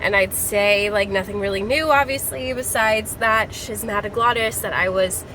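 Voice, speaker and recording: Medium in pitch and normal in speed, this vlog host's voice runs casual and slangy as she goes plant shopping. Music plays underneath, along with a hum from a fan or vehicle.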